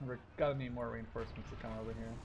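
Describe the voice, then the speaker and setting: With game artillery, gunfire and vehicles going off behind him, a twenty-something gaming video host from Canada or the Netherlands rattles off casual, sweary let's play commentary while thinking aloud. He talks very fast at medium pitch with a flat delivery, and the recording is muffled.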